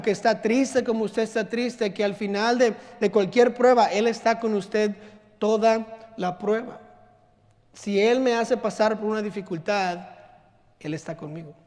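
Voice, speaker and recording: A man preaching in a church, his voice sitting fairly high for a man. The sound rings out with a long hall reverb. He is earnest and sometimes drops soft and low to stress a point. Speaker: pastor. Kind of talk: sermon. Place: church sanctuary.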